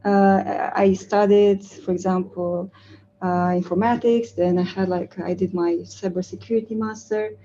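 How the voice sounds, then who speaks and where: A woman's voice: medium pitch, fairly even intonation, normal speed, mellow, highs cut off, a little hiss or hum. A young woman from Romania giving a casual talk at a community meetup, hesitant with many fillers and frequent laughs, recorded from a far camera in a large indoor room. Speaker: community speaker.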